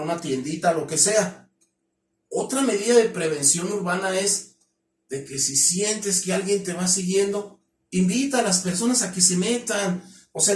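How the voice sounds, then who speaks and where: A Mexican man with a high-pitched voice lectures a class, stressing each point and throwing rhetorical questions at his listeners. He sounds a little distant from the mic, and the room gives his voice a noticeable echo. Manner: emphatic, asks the class many rhetorical questions; acts out shouted cries for help. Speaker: criminology lecturer.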